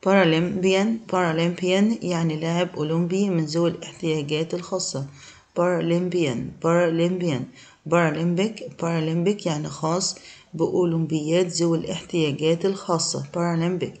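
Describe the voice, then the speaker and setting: A woman's voice: fairly low pitch, fairly even intonation, fast talker, a little mellow. A woman teacher, going through English vocabulary and repeating each word with its meaning.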